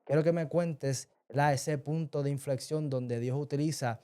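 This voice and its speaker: Slow-speaking male faith-show host. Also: a little high, fairly even intonation, dark tone, clean tone. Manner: slow, halting questions with fillers. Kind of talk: faith interview.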